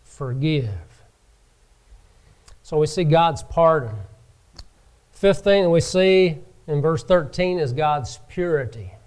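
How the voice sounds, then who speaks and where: A man preaching a sermon from the pulpit, slow and emphatic, rising in pitch and volume to stress his points. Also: animated, a little mellow, clean tone. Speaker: pastor.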